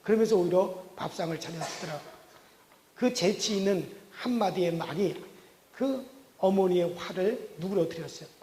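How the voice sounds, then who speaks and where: A man's voice: high voice, dark tone, a little hiss or hum. A male pastor delivering a sermon with folksy storytelling. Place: church sanctuary. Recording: reverberant church hall.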